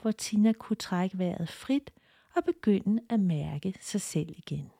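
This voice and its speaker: A woman narrating a guided story in a soft, calm, partly whispered voice. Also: lowish voice, no echo, studio quality.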